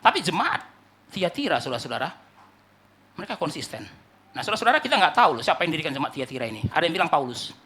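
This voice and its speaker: A male pastor preaching an animated sermon, often calling out to the congregation and mimicking churchgoers. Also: on the high side, racing, husky.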